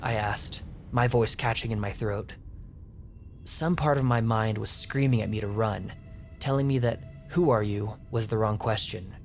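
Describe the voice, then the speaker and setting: A man reading a first-person horror story in a tense, measured way. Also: lowish voice. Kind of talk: scripted first-person narration. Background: faint music.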